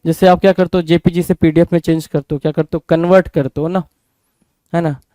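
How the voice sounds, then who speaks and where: High-voiced Indian man drilling vocabulary. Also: flat delivery, fairly quick, dark tone, no room sound. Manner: asks questions and answers them himself; repetitive, drilling. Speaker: vocabulary teacher. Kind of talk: online exam-prep vocabulary lesson.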